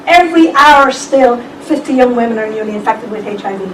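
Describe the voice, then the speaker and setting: Woman giving a lively talk in an echoey room. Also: on the high side, brisk. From Ireland. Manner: lively, chatty, with asides to the audience. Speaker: conference speaker. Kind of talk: presentation to a seminar audience. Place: lecture room. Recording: echoey room, distant mic, background noise.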